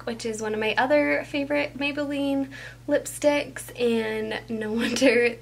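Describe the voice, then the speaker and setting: Chatty young woman with a bright voice. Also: fairly high pitch, a little hiss or hum. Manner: chatty and enthusiastic, drifts into soft whispers. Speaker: beauty vlogger. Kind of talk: casual makeup tutorial.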